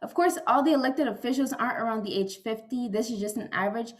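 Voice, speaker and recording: A teenage female student presenter delivering a rehearsed startup pitch at a competition. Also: quick pace.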